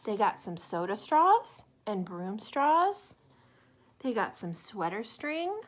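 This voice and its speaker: A woman reading a children's picture book aloud in an expressive, deliberate way, with asides to young listeners. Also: mid-range voice, a little hiss or hum. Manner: animated, deliberate, asks the listener questions. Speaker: children's story reader.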